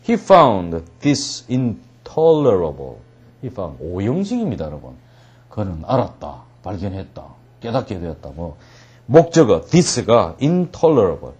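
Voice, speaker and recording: Husky-voiced male English teacher, joking. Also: lowish voice, a little mellow, lo-fi sound. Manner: joking, storytelling, mixes translation with jokes. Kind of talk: lecture on English reading.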